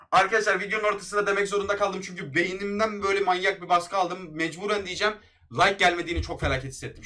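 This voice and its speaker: Young guy yelling through game pack openings, fast and bright, all hype then groans. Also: high voice. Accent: Turkish.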